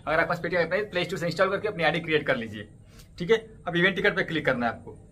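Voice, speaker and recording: A man's voice: a little high, rapid-fire, sharp tone, a little hiss or hum. A man in his thirties talking casually to camera, walking viewers through app steps and repeatedly asking them to subscribe and join his channels. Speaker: cricket ticket update YouTuber. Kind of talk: casual tutorial vlog. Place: indoors in front of a green screen stadium backdrop.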